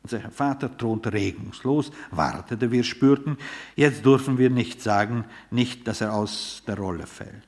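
A man reading a literary story aloud in a measured, wry storytelling manner. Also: mid-range voice, a little mellow. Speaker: narrator.

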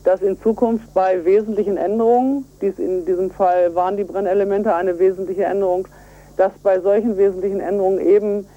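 Speaking over a telephone line to a radio show, a woman interviewed as an environmental activist explains step by step, earnest and emphatic. Her medium-pitched voice is steady in tone and a little fast.

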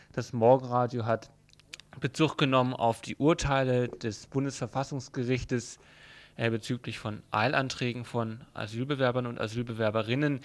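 A man hosts a radio news programme, speaking informally and conversationally, somewhat haltingly. His voice is at a medium pitch.

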